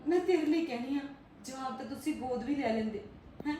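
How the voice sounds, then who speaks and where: A woman acting in a family drama, comforting and insisting in a quick, firm way. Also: high voice, dark tone. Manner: comforting, insistent, fast-talking. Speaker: actor in a family web drama. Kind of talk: scripted family drama dialogue. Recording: echoey room, far from mic, faint noise.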